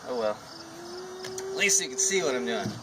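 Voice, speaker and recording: A man's voice: medium pitch, animated, normal speed. A man giving an informal, step-by-step hands-on training demonstration with running commentary, recorded outdoors. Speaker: horse trainer, instructor. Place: outdoors in wind. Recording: distant mic, loud wind, outdoor noise.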